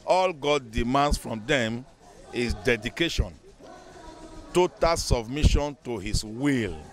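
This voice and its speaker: A man's voice: mid-range voice, expressive, slow, soft background music. A Nigerian man in his fifties, a bishop, speaking earnestly and measuredly in an outdoor news interview into a handheld microphone. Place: outdoors beside a building.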